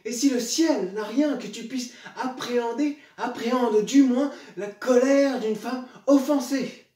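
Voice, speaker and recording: A man's voice: very high voice, measured pace, dark tone. A man playing a proud, betrayed noblewoman in classical theatre, declaiming with hammy, vengeful indignation. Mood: indignant, vengeful. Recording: echoey room, far from mic.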